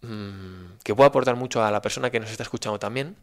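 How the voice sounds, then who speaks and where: Male podcast host, lowish voice with some fry, relaxed conversational storyteller. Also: quick pace. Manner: conversational, repeats phrases for emphasis. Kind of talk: storytelling in casual talk.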